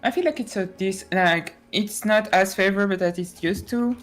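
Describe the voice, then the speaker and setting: A woman's voice: medium pitch, moderate pace, soft background music. A woman casting a strategy game tournament, talking casually with many fillers and restarts. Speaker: esports caster. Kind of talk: tournament commentary.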